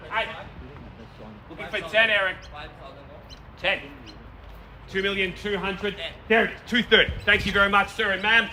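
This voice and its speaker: A man's voice: high voice, level tone, normal speed, long pauses, bright, forceful tone. A man working as a property auctioneer, calling bids outdoors to a crowd in a projected, emphatic and repetitive way. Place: outdoors in a residential street. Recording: distant mic, noisy street with vehicles.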